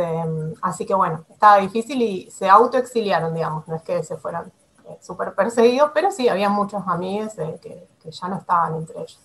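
A woman's voice: mid-range voice, a bit bright. A woman in her forties with an Argentine Spanish accent from Rosario, speaking as a climate activist guest over a webcam video call, with many fillers, restarts and little laughs. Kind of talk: casual interview answers. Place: small room at home.

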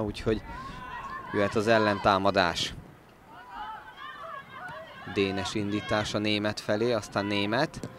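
A man giving excited sports commentary in Hungarian style, calm play-by-play that leaps into raised calls on chances. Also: lowish voice, noisy background. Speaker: football match commentator.

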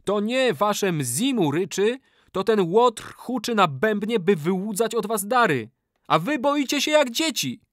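A man voicing an angry teenage boy who addresses a crowd in a loud, commanding voice, in an audiobook. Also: sits high, very animated, measured pace, no echo, studio quality, pitched above the performer's own voice, exaggerated voice. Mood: angry scorn.

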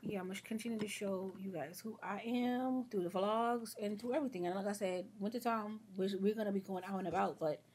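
Brisk and with few pauses, her medium-pitched voice has a darkish tone, heard over slight background noise. A young beauty vlogger, slightly sniffly from a sore throat, she rambles in friendly, chatty fashion as she does her makeup at home, calling viewers "y'all" and "girl" in a casual get-ready-with-me talk.

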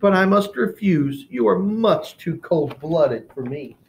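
A man voicing a proud, sharp-tongued young female cockroach who speaks with dry, icy politeness. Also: high voice, animated, slow pace, creaky, a little hiss or hum, voice pushed up, heavily acted, low-quality recording.

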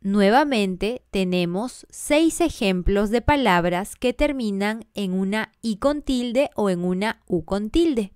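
A woman's voice: mid-range voice, animated, slow, few pauses, darkish tone, smooth, dry recording, clean studio sound. A woman teaching a scripted grammar lesson, working through examples one word at a time and spelling out letters.

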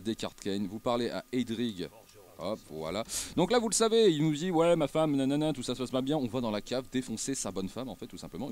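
A man talks viewers through a video game run in relaxed, slangy commentary. He speaks quickly and his pitch jumps up and down constantly. His humor is crude and cheeky. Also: a little hiss or hum. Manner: crude joking slang, lively swings in pitch. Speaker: gaming YouTuber. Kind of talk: casual gameplay commentary.

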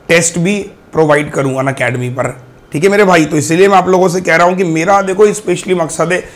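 A young man teaching maths for bank exams in an online class, chatty and coaxing his students, often counting items aloud. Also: on the high side. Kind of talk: online exam-prep class.

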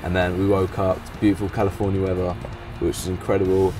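A young man with a London accent, casually recounting his band's first days in a relaxed, rambling way full of fillers. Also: low voice, quick pace, distant mic, soft background music. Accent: London English. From England. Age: young adult. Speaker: band member. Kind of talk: casual recap interview. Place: outdoor garden seat in warm sun.

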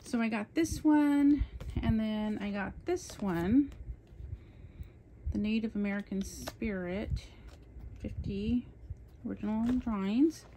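A woman's voice: medium pitch, dark tone, slight background noise. Chatty woman showing her coloring haul. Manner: chatty, enthusiastic, admits talking fast. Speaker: coloring channel host. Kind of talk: casual haul show-and-tell.

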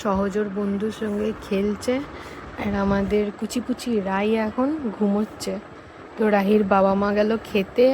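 A young woman narrating a casual family vlog, chatty and affectionate, sometimes talking softly. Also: medium pitch. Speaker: vlogger. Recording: noisy family gathering with crowd chatter.

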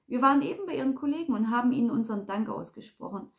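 Woman doing a bossy gushing middle-aged lady, a little higher and louder than her reading voice. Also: lively intonation, rapid-fire. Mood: effusive. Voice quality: bossy, effusive. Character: brisk, domineering middle-aged daughter.

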